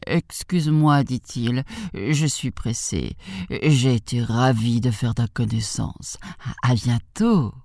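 A woman voicing a sly, hungry male wolf in a children's storybook, talking slowly and low. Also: a little mellow, no echo, studio quality, heavily acted. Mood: hurried. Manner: slow, drawn-out, low.

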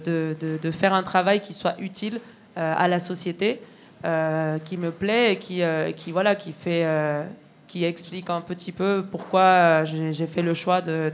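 A railway worker from Argentina speaks in a fairly low-pitched voice, with a little hiss or hum in the background. She gives earnest, hesitant testimony, full of fillers and restarts.

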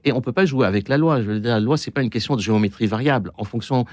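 Firm, fast-talking male panelist. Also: mid-range voice, a little mellow, no echo. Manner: firm, emphatic. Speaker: panel guest. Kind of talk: televised political debate.

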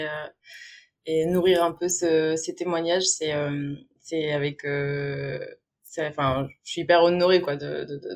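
Thoughtful, hesitant woman podcast guest. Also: low-pitched. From Syria. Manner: reflective, with frequent hesitations and fillers. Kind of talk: conversational interview.

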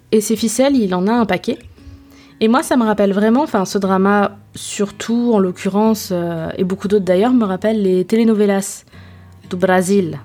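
A woman with a mellow, relaxed voice hosts a chatty podcast over background music. Her delivery is informal and slangy, with hesitations as she looks for words. She drops in self-deprecating asides as she goes. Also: medium pitch. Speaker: podcast host. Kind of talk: casual, chatty solo podcast review.

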